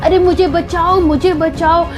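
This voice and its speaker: A woman's voice: fairly even intonation, unhurried, lo-fi sound, over music. A woman voicing a terrified man who is trapped and crying out for rescue. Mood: panicked. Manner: panicked, pleading, high-pitched. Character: terrified middle-aged man crying for help.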